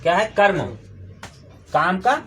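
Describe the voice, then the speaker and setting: A man's voice: high-pitched, a little slow, a bit bright. A man teaching a classroom grammar lesson, quizzing his students with call-and-response questions and patiently repeating the key terms.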